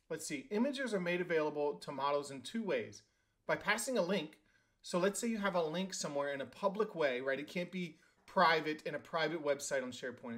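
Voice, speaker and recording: A man walks through a software setup on screen, speaking casually as he goes. His voice sits a bit high for a man. He thinks out loud, with fillers and quick restarts. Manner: casual, thinks aloud with fillers and self-corrections. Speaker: tech tutorial host. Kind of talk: screen-recorded software tutorial.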